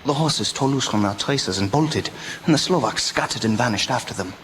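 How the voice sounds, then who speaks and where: An actor playing Van Helsing, a commanding, urgent older doctor who hunts vampires, in a theatrical, declamatory radio drama style. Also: male voice, medium pitch, lively intonation, brisk, noisy background, lightly acted. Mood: excited narration. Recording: loud music under the voice.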